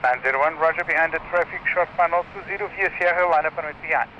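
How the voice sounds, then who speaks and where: Guy doing air traffic control radio, kinda high quick voice, clipped, dull muffled sound. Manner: clipped, procedural phraseology. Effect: radio transmission. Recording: dull, noisy aviation radio.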